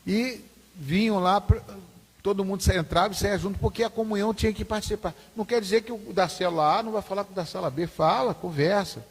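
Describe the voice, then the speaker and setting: Husky pastor in echoing hall. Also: male voice, high-pitched, fast talker. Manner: informal, repetitive, asks the class questions. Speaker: pastor teaching Sunday school. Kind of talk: conversational church teaching. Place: church hall. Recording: husky voice in a reverberant church hall.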